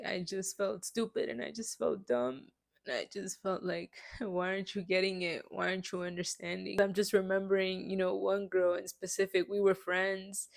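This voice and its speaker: A woman's voice: mid-range voice, vocal fry. A woman speaking openly in a personal faith talk, rambling and confessional, often checking in with "right?". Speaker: faith vlogger.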